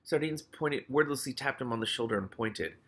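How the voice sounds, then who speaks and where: In this clip his pitch is medium, the tone fairly bright, the pace a little quick. He's a man running a novel read-aloud, performing the text expressively and interrupting himself with casual, profane, exclamatory reactions.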